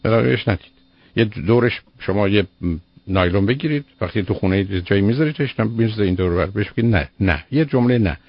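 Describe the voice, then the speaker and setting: Radio expert, male, low voice, firm and lecturing, dry lo-fi broadcast sound. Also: no room sound. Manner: firm, lecturing, explains with everyday examples. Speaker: child psychologist answering a caller. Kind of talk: radio call-in advice.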